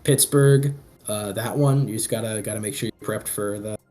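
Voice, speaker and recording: A man's voice: on the low side, normal speed, warm tone, faint music behind. A man co-hosting a casual commentary show, rambling with frequent restarts. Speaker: co-host.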